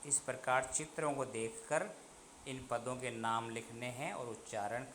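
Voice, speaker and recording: A male teacher speaks slowly and deliberately, asking a question and then giving the answer himself. His voice is bright and forceful. A faint hiss sits under the recording. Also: medium pitch, fairly even intonation. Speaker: Sanskrit teacher. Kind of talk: online class lesson.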